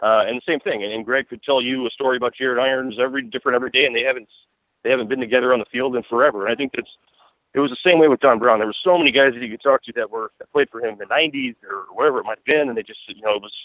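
An American sports beat writer speaks very fast in a mid-range voice over a tinny, narrow phone line with no room sound. Appearing as an interview guest, he offers conversational analysis, rambling and repeating himself for emphasis.

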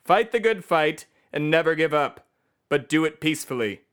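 Speechifying with great passion, a man voices America in person as a puffed-up patriotic orator for a satirical comedy podcast, his delivery pompous and declamatory. He speaks at a normal speed with a slightly high, expressive voice whose tone is fairly bright and clean.

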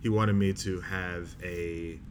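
Young man, very low voice, calm explainer, noisy recording, guest interviewee. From New Jersey, with Bahamian family. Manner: measured and explanatory, with filler words. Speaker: guest, doctor in training. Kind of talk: casual interview answers.

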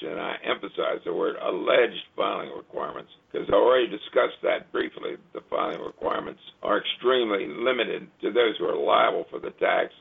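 Gravelly man on a phone-like line. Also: fairly low pitch. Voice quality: gravelly, husky. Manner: methodical, legalistic, emphasizes words. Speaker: guest author. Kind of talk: radio interview, explanatory talk. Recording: tinny narrow phone-like line.

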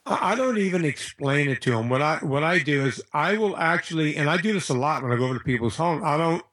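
A man's voice: a little high, animated, quick pace, a bit bright. An American man talking casually and bluntly as an interview guest, handing out informal advice.

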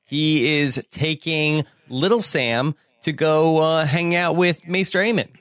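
A man co-hosting a casual chat, unhurried and hesitant, recounting scenes from an episode. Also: fairly high pitch, steady tone, fairly bright tone, smooth, dry recording. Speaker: podcast co-host.

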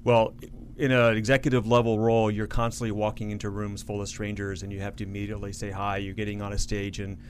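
Earnest talkative man, lowish voice. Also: little pitch movement, quick pace, hardly any pauses, a little hiss or hum. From Florida, United States. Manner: earnest, talkative, self-correcting. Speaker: guest, association CEO. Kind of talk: radio interview.

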